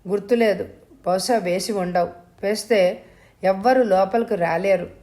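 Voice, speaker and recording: A woman voicing a frightened, shaken young woman in an audio story, giving hushed, uneasy replies. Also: medium pitch, a little slow, natural voice.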